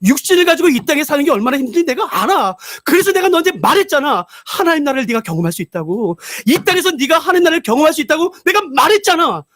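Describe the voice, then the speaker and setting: A preacher voicing a gentle, consoling divine figure. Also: male voice, very high-pitched, big pitch swings, rapid-fire, few pauses, no echo, studio quality, voice pushed up, exaggerated voice. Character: gentle male divine speaker, comforting.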